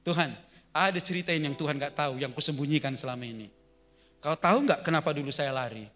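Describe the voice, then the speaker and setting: A man voicing Jonah as a stubborn, resentful grown prophet who whines and then shouts in protest. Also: on the high side, fast, long reverb tail, close to an everyday voice. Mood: sulky. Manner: whiny and resentful, rising to indignant shouts.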